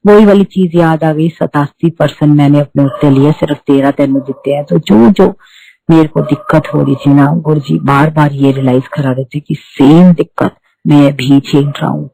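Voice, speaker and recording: Gravelly middle-aged woman with a tinge. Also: low voice, normal speed, warm tone, rough recording. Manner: earnest, repetitive storytelling with restarts. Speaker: devotee giving testimony. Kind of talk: spiritual testimony talk.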